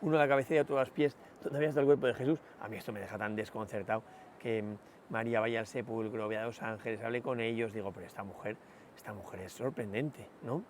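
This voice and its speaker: Reflective priest. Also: male voice, fairly low pitch, fast talker, a little hiss or hum. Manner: reflective, many rhetorical "¿no?" asides and hesitations. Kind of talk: spoken meditation, sermon.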